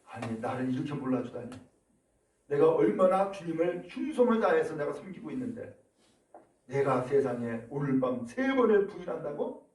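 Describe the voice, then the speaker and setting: A man's voice: on the high side, sing-song, moderate pace, darkish tone. A man voicing the disciple Peter in a sermon, a grown man who protests his loyalty and then breaks into remorse. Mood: indignant. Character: Peter, a man in anguish denying his teacher. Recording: echoey room from a distance.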